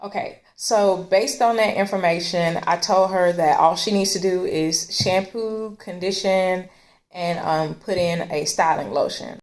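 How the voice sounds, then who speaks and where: A woman with a somewhat low voice walks through hair care advice in a relaxed, conversational way. She hosts the chat and explains things step by step, with the odd filler. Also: measured pace. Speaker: host.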